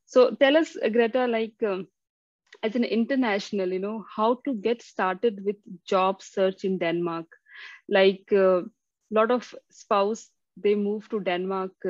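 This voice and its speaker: A woman hosts an interview on her own channel. She talks in a chatty way, full of fillers. Her voice has a middle pitch and comes over a dry, slightly muffled call line. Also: darkish tone, no echo. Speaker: host.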